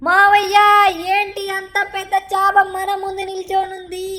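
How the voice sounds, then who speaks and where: A woman doing a cheeky little boy in a fan-dubbed game parody, pitched high and nagging without pause, always calling for his uncle. The delivery stays flat in melody, with faint music running underneath. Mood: panicked. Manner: nags constantly, repeating 'uncle'.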